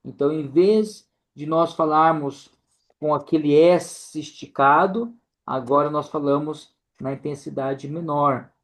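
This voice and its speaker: A man's voice: on the high side, fairly even intonation, a little slow. A man teaches a casual lesson to a church group, tagging nearly every phrase with "né?".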